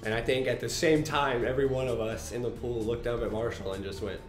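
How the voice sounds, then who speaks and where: A man's voice: medium pitch, fairly even intonation, fast talker. A young man, a swimmer, telling a casual story about his coach. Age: young adult. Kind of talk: casual recollection. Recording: echoey room with faint music.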